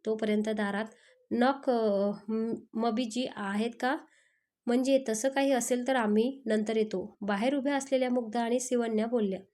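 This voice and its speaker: A woman's voice: fairly high pitch, fairly even intonation, normal speed, warm tone. A woman narrating a romance story, reading steadily with a few restarts.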